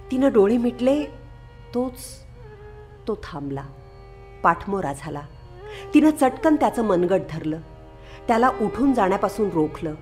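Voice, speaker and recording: A woman reading her own literary love story aloud in a measured, expressive narration, with faint instrumental music behind. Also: mid-range voice. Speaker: author and story reader.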